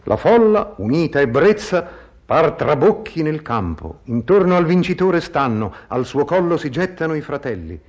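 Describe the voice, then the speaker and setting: A man giving a dramatic poetry recitation in measured, declamatory phrases. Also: on the high side, big pitch swings, a little mellow.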